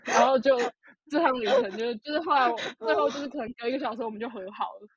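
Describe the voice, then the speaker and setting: A young woman, telling a story in casual podcast chat, animated and full of fillers. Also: high-pitched, rapid-fire, husky, no room sound. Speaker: podcast co-host. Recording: dull lo-fi podcast audio.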